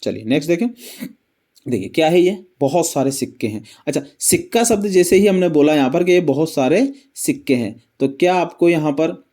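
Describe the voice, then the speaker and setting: A male teacher a slightly high but soft, mellow voice explains geography through memory-trick stories. He quizzes his viewers again and again and then answers for them, speaking in in. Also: animated, fairly quick. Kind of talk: animated mnemonic geography lesson.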